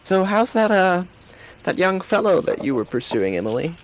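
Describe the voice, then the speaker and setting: Guy doing a pushy teasing gal friend, voice jumps way up high. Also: sing-song, moderate pace, rough recording. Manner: prying, pushy. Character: teasing young woman, nosy friend.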